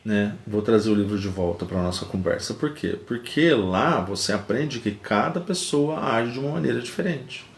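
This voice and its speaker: Calm man teaching in an echoey room. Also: mid-range voice, slight background noise. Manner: calm, repetitive, explaining with everyday examples. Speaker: live stream host. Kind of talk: teaching talk to a live audience. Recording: roomy echo.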